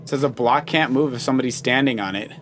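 A father co-hosts a let's play with his child, giving casual, playful commentary and occasionally slipping into sing-song asides. His mid-range voice is quick and a bit bright, with slight background noise. Video game music plays behind him.

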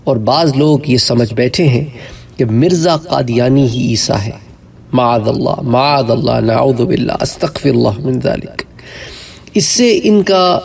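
A man with a Pakistani Urdu accent delivers an earnest religious lecture, pressing hard on his points. His voice is husky and a little breathy. He sounds set back from the microphone. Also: a little mellow, far from the mic. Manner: earnest, emphatic preaching, rising in pitch when stressing points. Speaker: Islamic preacher.

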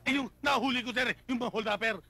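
A man playing an eager, bumbling male police officer in a slapstick comedy, loud and excitable. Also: very high-pitched, fast, creaky, heavily acted.

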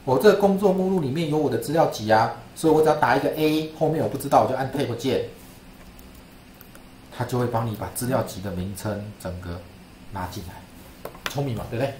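A male statistics lecturer with a mid-range, darkish voice speaks briskly in a classroom screen-share lesson, with a roomy sound and a little hiss or hum. He is chatty, repeats himself, and keeps asking "right?"

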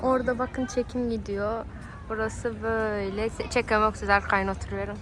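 Young woman vlogger, bright higher voice. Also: flat delivery, moderate pace. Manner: chatty, swings from giddy teasing to low grumbling complaints. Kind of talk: casual vlog chat. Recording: loud background music. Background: music playing.

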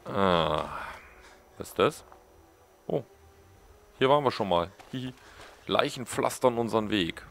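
A man's voice: lowish voice, expressive, unhurried, creaky, pauses often, fairly bright tone. A man giving casual gameplay commentary as a let's play host, joking and mocking the characters on screen.

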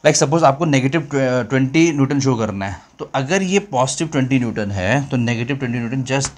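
A man's voice: medium pitch, animated, a little fast. Chatty man explaining physics in mixed Hindi and English. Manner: chatty, repeats himself, mixes English phrases, calls viewers children. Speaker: physics teacher.

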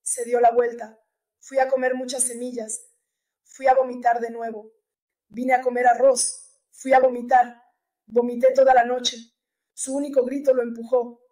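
Woman, high voice, testimony speaker, earnest and repetitive. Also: flat delivery, normal speed, warm tone. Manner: earnest, repeats key phrases. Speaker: church testimony giver. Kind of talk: personal religious testimony.

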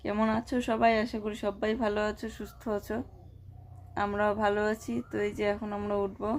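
A woman's voice: medium pitch, completely flat delivery, fairly quick, a little hiss or hum. A young woman, chatting casually on her family vlog outdoors in a village, showing things to her viewers. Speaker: family vlogger and mother. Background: birds and animals faintly.

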